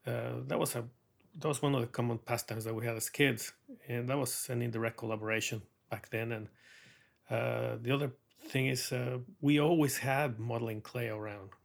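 A middle-aged artist from Mexico talks reflectively in a documentary interview, his Mexican-accented voice mid-range, creaky, and fairly even in intonation. Pauses, fillers, and soft laughs run through his speech.

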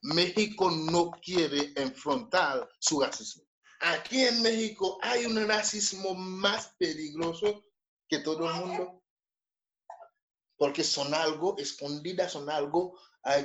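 A man from Haiti with a Haitian accent, speaking in a recorded interview in short, halting phrases. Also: a little high, a bit bright, a little hiss or hum, low-quality recording.

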